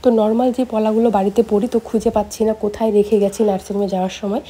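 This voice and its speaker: A young woman, hoarse from a cold, chatting casually in a home-vlog voice-over about her baby and her day. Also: medium pitch, level tone, rapid-fire, dark tone. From India. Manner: chatty, explains everyday details. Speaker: family vlogger.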